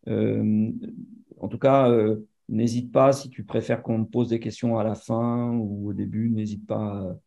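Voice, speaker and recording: A man introducing a seminar speaker, halting, with many repeated words and fillers, over a video call. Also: on the low side, flat delivery, vocal fry, warm tone. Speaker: seminar host. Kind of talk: hesitant spoken introduction.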